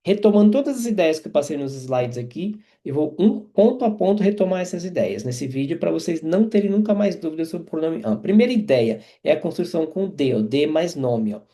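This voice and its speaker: A man's voice: fairly high pitch, animated, dark tone. A man teaching French grammar, explaining each example and checking in with listeners as he goes. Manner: repeats and checks in with quick tags.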